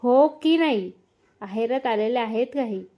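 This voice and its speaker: A sulky, suspicious middle-aged aunt who grumbles and snaps, as a woman narrator puts her on. Her voice is high and mellow. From a family story read aloud. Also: lively intonation, quick pace.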